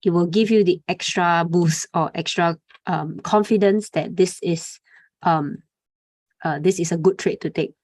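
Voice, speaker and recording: This trading instructor, a young adult woman, has a lowish, slightly mellow voice and an unhurried pace as she runs a live webinar. Her style is conversational and informal, full of fillers and frequent "okay" and "right?" tags, recorded with no echo.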